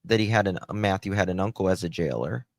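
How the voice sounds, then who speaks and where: A man with a low-sitting voice talks at a quick pace, with no room sound in the recording. He hosts a casual live commentary, thinking aloud conversationally as he reacts to recordings and reads out comments.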